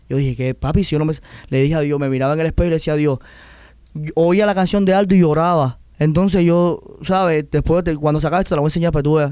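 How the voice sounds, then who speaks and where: A man with a Cuban accent, a musician telling his story as a guest in a casual interview, animated and quick to mimic other accents. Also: fairly high pitch, no echo. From Cuba.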